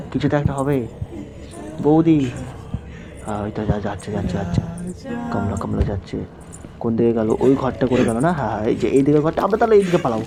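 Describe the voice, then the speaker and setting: A man's voice: medium pitch, background noise. A young man commenting as he plays a horror game, jumpy and panicky, talking to his viewers. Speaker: gaming YouTuber.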